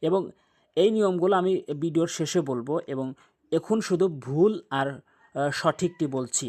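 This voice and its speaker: A man teaching a tajweed pronunciation lesson who demonstrates Arabic sounds slowly and repeats them for the listener. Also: a little high, a little mellow. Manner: drawn-out Arabic recitation examples. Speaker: Quran recitation teacher.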